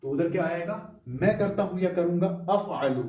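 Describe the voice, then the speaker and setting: A man teaching Arabic grammar, coaxing and pleading with his viewers to memorize as he drills verb forms in quick lists. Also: high-pitched, lively intonation, darkish tone, distant mic, lo-fi sound. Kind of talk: classroom-style grammar lesson. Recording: echoey room, voice from away from the mic.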